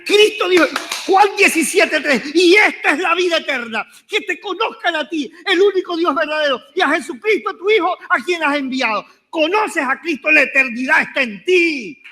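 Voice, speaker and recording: A man preaching with a strikingly high voice for a man. He drives his sermon with fervor, tells the church to repeat his words, and breaks into jokes and raised shouts. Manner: fervent, calls on the congregation to repeat phrases; jokes and rises to shouts at times. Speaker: apostle preaching to a congregation.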